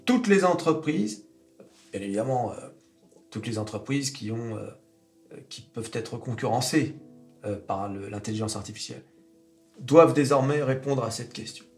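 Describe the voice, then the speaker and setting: A man's voice: medium pitch, lively intonation, moderate pace, pauses often, a little mellow, roomy sound, faint music behind. A man hosting off-the-cuff financial commentary, emphatic and insistent, repeating key phrases. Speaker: host commenting on financial news clips.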